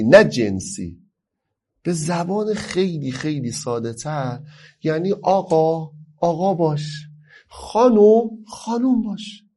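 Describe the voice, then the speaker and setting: A man's voice: on the high side, darkish tone. Man from Iran with a slightly raised voice, lecturing emphatically and drawing out key phrases. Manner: emphatic, asks rhetorical questions then answers them; stretches key phrases slowly, then speeds up. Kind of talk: lecture on family life.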